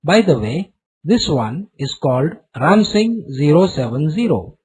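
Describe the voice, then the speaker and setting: A man playing a short, narrow-eyed salesman who delivers a slick sales pitch like a recorded program. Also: sing-song, unhurried, darkish tone, husky, full character voice. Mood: smooth selling.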